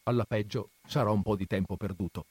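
A man's voice: on the low side, fairly quick, darkish tone, breathy edge, no echo. A man voicing a fretful, scheming village mother who mutters anxiously to herself.

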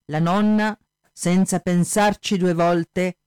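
A woman narrating a comic radio play in a clear storytelling manner. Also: lowish voice, fairly even intonation, slow pace, a little mellow, no echo, clean studio sound.

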